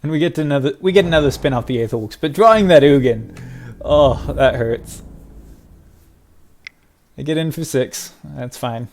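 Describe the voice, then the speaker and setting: A young man giving excitable live commentary on his own card game match, muttering one moment and crying out the next. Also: medium pitch, moderate pace, long pauses, slight background noise. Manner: excitable, swings from mutters to loud cries and laughter. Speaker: gaming video creator.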